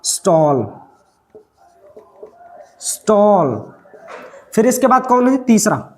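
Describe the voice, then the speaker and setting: A man's voice: sits high, sing-song, a little mellow. A man teaching English pronunciation, repeating each word and asking himself what it is read as before answering. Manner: repeats words and quizzes himself with questions; stretches out key sounds slowly. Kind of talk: pronunciation lesson.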